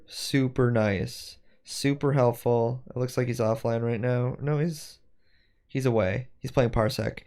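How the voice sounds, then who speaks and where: A man's voice: mid-range voice, a little mellow, clean tone. A man streaming while he does 3D design work, chatting casually and rambling as he thinks aloud and corrects himself. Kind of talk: casual livestream chat while working.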